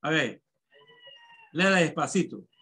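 A man's voice: fairly high pitch, big pitch swings, a little slow, bright, forceful tone, husky. A male primary school teacher running an online class, calling on pupils and patiently spelling words out syllable by syllable.

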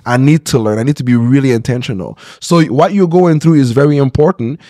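Here a pastor in his 30s tells his personal story in an interview, earnest and candid, restarting often and tossing in "right?". He has a medium-pitched, dark-toned voice and a brisk pace, with no room sound on a close podcast mic in a small studio.

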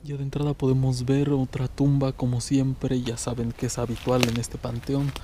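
A man's voice: mid-range voice, level tone, normal speed. A man in his twenties with a Mexican accent hosting a casual night exploration vlog outdoors in short, slangy phrases. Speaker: vlog host. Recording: noisy outdoor phone video.

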